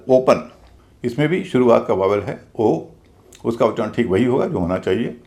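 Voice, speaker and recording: Lively-voiced male pronunciation teacher. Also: mid-range voice. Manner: patient, methodical, spells out letters one by one. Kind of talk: classroom-style explanation.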